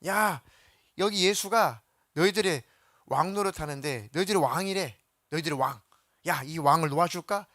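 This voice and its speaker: A man's voice: fairly high pitch, normal speed, fairly bright tone, dry recording, studio quality. A man voicing a scornful Roman governor who sneers at a crowd, raising his voice above his usual sermon voice. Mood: sneering.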